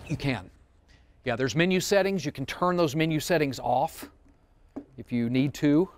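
A middle-aged man runs a seminar from a demo table in a studio room, seated among a small group, showing off a product in a casual technical demo. His voice sits on the high side at a moderate pace, plain-spoken and informal with offhand asides, caught on a close wireless mic with some background noise.

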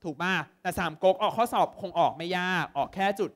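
Brief: young male exam tutor from Thailand, high voice, keeps firing quick check-in questions at the class. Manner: lively, constantly checks understanding with quick questions. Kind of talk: exam prep lesson to students.

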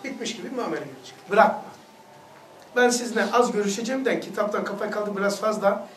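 A man's voice: sits high, fast talker, roomy sound, distant mic, a little hiss or hum. A man teaching a religious lesson, exhorting his listeners and asking them rhetorical questions.

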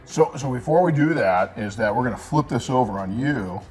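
A man's voice: mid-range voice, animated, fairly quick, a little mellow, faint music behind. A middle-aged man, a guest in a casual interview, telling his own story candidly and emphatically on a lapel mic in a shop. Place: detailing supply shop, indoors.

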